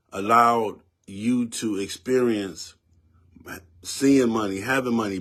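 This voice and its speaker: A man in his fifties with a Southern US accent talks straight to his viewers in a low voice. He is emphatic and preachy, doubling back on words to drive his points home. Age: 50s. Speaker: vlogger giving opinion. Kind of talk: casual spoken commentary.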